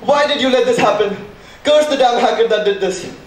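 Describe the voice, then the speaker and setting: A man's voice: very high voice, a little fast. A man playing an anxious father in a school stage play, with a pleading, despairing manner. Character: worried middle-aged father, distraught. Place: large school hall. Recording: echoey hall from far off, faint noise.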